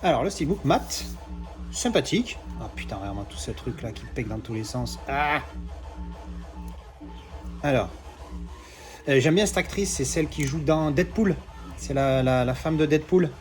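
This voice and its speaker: A man's voice: fairly high pitch, lively intonation, moderate pace, long pauses, over music. A man talks through an unboxing in a loose, chatty way. He hesitates often, restarts his sentences and swears casually as he goes. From Marseille, France. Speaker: collector doing unboxings.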